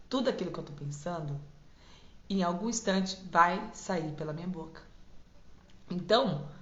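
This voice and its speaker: A woman hosting a live stream, teaching in a calm, soothing way that slows and softens for emphasis, recorded in a dull, echoey room. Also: fairly low pitch. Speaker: host of a live stream on voice and self-knowledge. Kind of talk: live talk, gentle motivational teaching.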